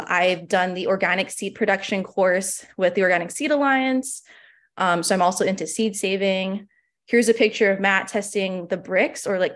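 A woman in her twenties from Hawaii, a small farm owner giving a conference presentation over a video call, talking casually with many fillers. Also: medium pitch. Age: 20s.

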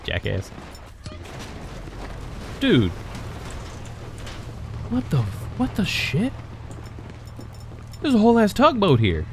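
A man giving casual gameplay commentary as a streamer, with excitable, joking, swearing reactions. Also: high-pitched, extremely slow, pauses often, noisy background. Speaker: gaming streamer.

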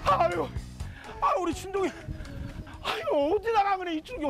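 An actor in a sitcom playing a frantic man searching for his lost dog, shouting and wailing in a Jeju accent. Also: extremely high pitch, very animated, moderate pace, music in the background, full character voice. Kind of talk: sitcom acting in Jeju dialect.

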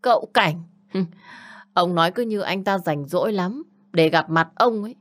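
A woman's voice: lowish voice, normal speed, fairly bright tone, natural voice. Woman doing a sneering, arrogant young man. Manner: sneering, taunting.

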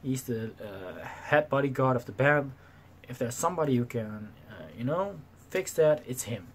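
A young man in his twenties casually telling a story to his camera, animated and swearing freely, acting out the people in it, recorded in a small bedroom on a desk webcam. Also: mid-range voice, normal speed, a little hiss or hum. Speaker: vlogger. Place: small bedroom with slanted ceiling, indoors.

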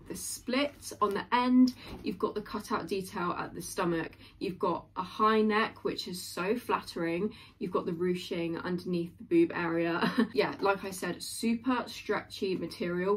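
A woman's voice: lowish voice, slight background noise. A young woman in her twenties chatting through a clothing haul in her bedroom, gushing and full of likes and ums. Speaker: fashion haul vlogger. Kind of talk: casual try-on haul chat. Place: small bedroom, indoors.

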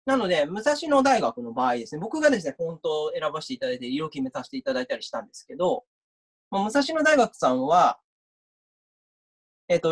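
A man's voice: sits high, husky. A university lecturer giving an online mock class, chatty and reading out viewer comments as he talks.

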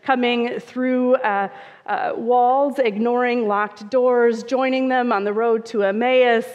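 A woman's voice: on the high side, steady tone, slow. A woman pastor giving a conversational sermon, with touches of humor and frequent "uh" fillers. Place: church sanctuary. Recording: reverberant, dull church sound.

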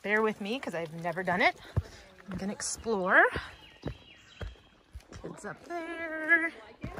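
An American woman vlogger tours a wooded farm school outdoors in a casual, chatty way, a bit out of breath and exclaiming at what she finds. Her mid-range voice swings widely in pitch and sounds bright and forceful, though she's unhurried. There's slight background noise.

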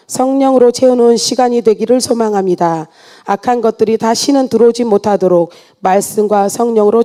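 A woman giving an earnest church testimony, read aloud in a steady way with small restarts. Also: fairly high pitch.

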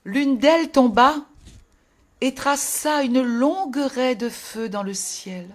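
A woman narrating a fairy tale in a gentle, expressive storytelling voice that drops to a hush at sad moments. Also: sits high, takes it slowly. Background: faint music.

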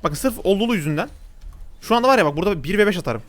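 Young Turkish-accented male gamer, talks very fast, slightly high voice, chatty commentary while playing. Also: lively intonation. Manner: rapid, chatty, exclaims at the game and the viewers. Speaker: gaming YouTuber. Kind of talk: live gameplay commentary. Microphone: desk mic at a gaming setup.

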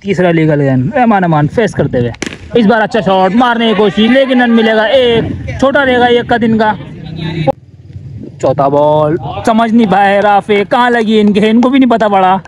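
A man giving brisk ball-by-ball commentary on an amateur indoor cricket match. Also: high voice, lively intonation, low-quality recording. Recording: crowd noise behind.

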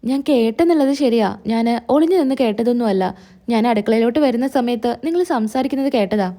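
A woman voicing a gentle young wife who speaks in a soft, pleading, hurt way in a retold serial story. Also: fairly high pitch, animated, a little fast, close to an everyday voice.

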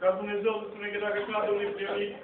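Amid crowd noise, a handheld camera in the congregation catches a middle-aged lay preacher far from the mic, his high voice monotone. He preaches fervently without a script in an earnest, repetitive, exhorting manner, and the faraway phone recording in the small church hall is tinny, noisy and echoey.

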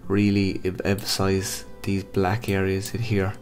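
A man with a blocked-up, nasal voice from hay fever, calmly talking through a software photo-editing tutorial step by step. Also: deep voice, a little slow, soft background music. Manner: calm step-by-step instructions. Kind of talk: screen-recorded software tutorial.

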